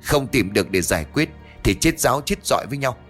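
A man's voice: medium pitch, sing-song, quick pace, a bit bright, soft background music. A man voicing a worried old village man who talks brusquely and scolds the young ones in a ghost story. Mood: gruff.

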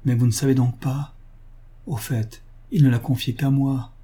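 Man doing distraught young daughter, storybook, lifted husky voice. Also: medium pitch, steady tone, moderate pace, dark tone, close to an everyday voice. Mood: shocked. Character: young woman, grieving daughter.

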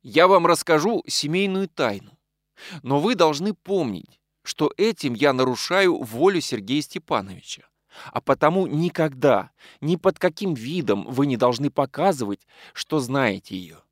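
A man reading an audiobook, voicing a kind, modest middle-aged gentleman who speaks in a calm, reasoning, gently persuasive way. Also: a little high, measured pace, dry recording, clean studio sound. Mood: confiding.

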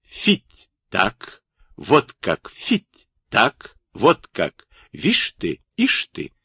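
A man's voice: lowish voice, huge pitch swings, extremely slow, pushed and bright, breathy edge, dry recording, clean studio sound, heavily acted. A man voicing a boastful, quarrelsome little male toy figurine with a bragging, squealing manner. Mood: excited.

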